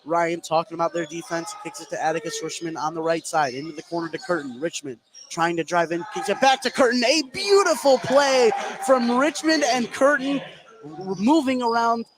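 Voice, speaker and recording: An animated, high-pitched announcer does live radio play-by-play of a basketball game at normal speed. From inside the gym, crowd and gym noise are clearly audible, and the audio is poor.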